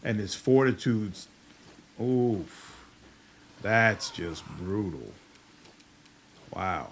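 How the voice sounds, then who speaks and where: A man's voice: fairly low pitch, animated, extremely slow, slight background noise. A man commenting on and narrating a video game as he plays. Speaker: gamer, let's play host. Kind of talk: casual game commentary and dramatic read-aloud narration.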